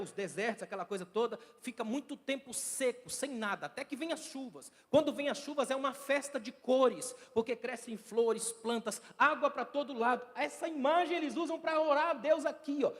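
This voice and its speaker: A man with a Brazilian Portuguese accent preaching a sermon in a church, emphatic, swinging between soft and loud passages. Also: very high voice. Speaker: pastor. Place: church sanctuary. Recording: long church reverb.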